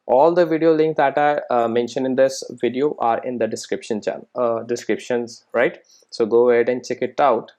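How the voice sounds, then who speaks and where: Speaking in a steady, slightly mellow mid-pitched voice, a man leads a casual programming screencast. He goes step by step in a chatty way, regularly ending sentences by checking in with the viewer.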